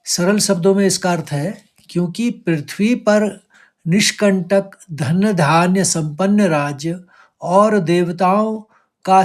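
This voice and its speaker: A man teaching recitation, chanting verses slowly and breaking words into stressed syllables, then explaining quickly. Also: sits high, a little mellow.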